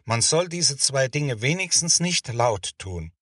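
A man's voice: medium pitch, slow, no room sound, studio quality, voice pushed up, full character voice. A man reading a patient woman teacher. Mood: instructive. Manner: calm, instructive. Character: patient female teacher of children.

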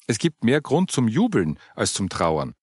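A calm older churchgoing woman, patient and gently cheerful as she explains things, as a male narrator puts her on. Her voice sits a little higher than his usual tone and swings widely in pitch. The sound is dry and close. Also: a little slow, breathy edge, dry recording, exaggerated voice. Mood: explaining.

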